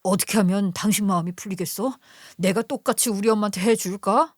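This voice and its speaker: A woman's voice: mid-range voice, fairly quick, no echo, clean studio sound, lightly acted. A woman doing a frantic pleading husband. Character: desperate pleading middle-aged husband.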